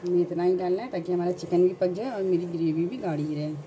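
A woman narrating a home cooking tutorial, calmly explaining each step in order. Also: lowish voice, quick pace, slight background noise, rough recording. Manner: calm step-by-step instructions. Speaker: cooking channel host.

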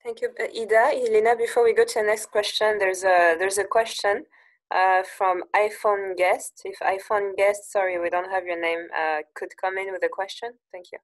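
A woman's voice: medium pitch, steady tone, normal speed. A woman moderating an online talk over a video call, politely thanking speakers and passing the floor.

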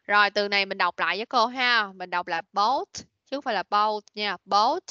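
A woman runs an online English class in a bright, clear voice, patiently prompting her pupils. The sound is dry and a little dull, like a call picked up by a computer mic. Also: medium pitch, brisk, no echo. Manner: patient, prompting, mixes English words into explanations. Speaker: English teacher. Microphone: computer mic on a video call.

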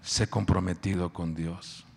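A male pastor preaching a sermon, animated and quizzing the congregation. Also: deep voice, unhurried, vocal fry, long reverb tail, slight background noise.

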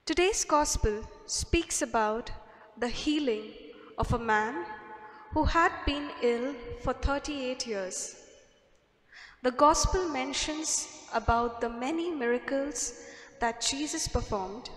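A woman reading the Mass introduction slowly and carefully into a pulpit microphone in a large church. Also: sits high. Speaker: Mass commentator. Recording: echoey church with long reverb.

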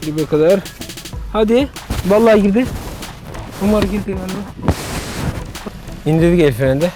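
A man vlogging in a joking, animated way, talking to his viewers. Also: high voice, moderate pace, over music. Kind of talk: comedic vlog.

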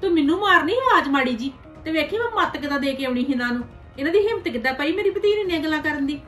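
A woman playing a meddling, sharp-tongued village aunt who gossips and scolds in a web series drama. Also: high-pitched, expressive, rapid-fire, faint music behind. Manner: gossipy, scolding, ends remarks with "haiṅ?". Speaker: paternal aunt.

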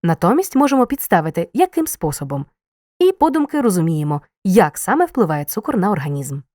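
A woman reading a scripted grammar lesson, explaining clearly and stressing key words. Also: lowish voice, big pitch swings, brisk, a little mellow, dry recording, studio quality. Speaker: teacher.

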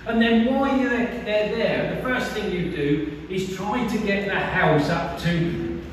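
A man's voice: high voice, slow, slight background noise. A man, preaching a conversational sermon and asking the congregation questions. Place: church hall. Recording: echoey church from far off.

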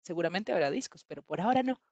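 A woman reading a story aloud to children on a livestream from home, animated and playful, talking straight to the kids. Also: lowish voice, very fast, no room sound, dull audio.

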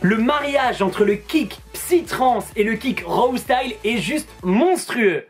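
A man's voice: very high-pitched, lively intonation, slow pace. A Belgian man with a Belgian French accent, chatting casually and enthusiastically about music tracks in a joking vlog style. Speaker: DJ and music video host.

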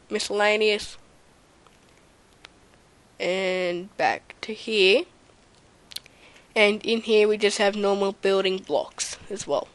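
A young woman, a little congested and coughing, rambles hesitantly through a tour of the game server she owns, with plenty of fillers and gaps. Her medium-pitched voice sounds clear and resonant without room sound, captured by a desk mic close to her keyboard at home, typing and all.

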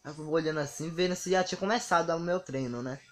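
A man's voice: on the high side, quick pace. A man, telling stories in a casual vlog monologue and acting out the dialogue. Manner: animated, acts out quoted dialogue. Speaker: vlogger.

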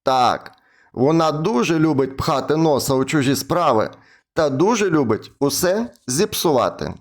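A man's voice: on the high side, lively intonation, moderate pace. A man teaching English words to preschool children, speaking patiently and drawing out words in repetition drills. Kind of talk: children's lesson narration.

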